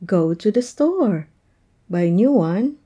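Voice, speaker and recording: A roleplay voice performer with a medium-pitched, husky, dark-toned and animated voice plays an oversensitive young woman in an intimate, one-sided audio roleplay. Annoyed and pouting, she addresses her partner in a hesitant, plaintive, halting way.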